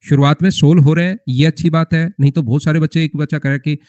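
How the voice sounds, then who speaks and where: A young male math teacher lecturing in a somewhat high, mellow voice, coaxing and repetitive, forever asking his students whether they remember. The sound is muffled and lo-fi, close and dry with no room echo. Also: steady tone, fast talker. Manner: repetitive, coaxing, quizzing students with rhetorical questions. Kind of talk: live class lecture. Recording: muffled lo-fi recording.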